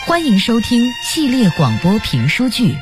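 A woman's voice: fairly high pitch, huge pitch swings, moderate pace, music in the background. A woman announcer reads a scripted, dramatic introduction to a radio storytelling series. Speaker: programme announcer.

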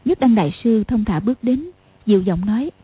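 A woman narrating a martial arts novel as an audiobook in a steady, dramatic reading. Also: medium pitch, a little fast, breathy edge. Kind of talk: storytelling narration. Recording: tinny lo-fi audio.

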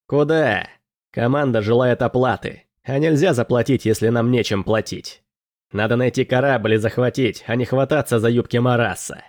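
A man's voice: medium pitch, moderate pace, darkish tone, no room sound, clean studio sound, natural voice. A man voicing a cocky, scheming young pirate who talks brashly and pushily. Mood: pushy. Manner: brash, smug, pushy.

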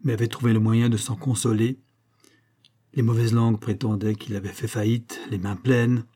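A man reading a classic short story aloud in a measured, expressive way. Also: lowish voice. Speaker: audiobook narrator. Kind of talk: literary audiobook reading.

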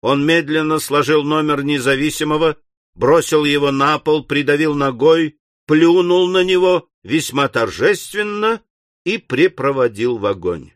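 A man narrating an audiobook in a measured, theatrical read. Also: on the high side, no echo, studio quality. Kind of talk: scripted narration.

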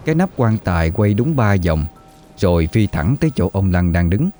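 A man reads out a ghost story in a steady, solemn manner. His voice sits very low and sounds dark and mellow. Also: moderate pace, faint music behind. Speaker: narrator. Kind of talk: scripted story narration.

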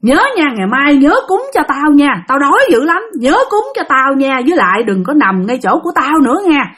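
Woman doing a shrill angry old soldier ghost. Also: big pitch swings, fairly quick, a bit bright. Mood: demanding. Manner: scolding, shrill and tearful.

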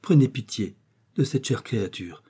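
Brief: man voicing a kind old governor in a storybook, grave and fatherly, dark husky voice. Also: medium pitch, animated, moderate pace. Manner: grave, paternal.

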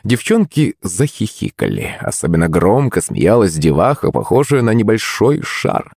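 A man reading a first-person story aloud as an audiobook narrator, in a lively, expressive way. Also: lowish voice, moderate pace, creaky, slightly rough, dry recording, studio quality.

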